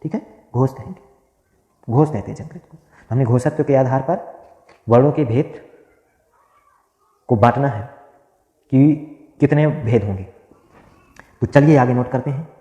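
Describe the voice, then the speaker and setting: Guy teaching grammar, dictating notes, keeps repeating himself and quizzing, warm low voice, big echo. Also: a little slow, pauses often, dull audio. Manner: repetitive, asks and answers his own questions. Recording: echoey room with long reverb.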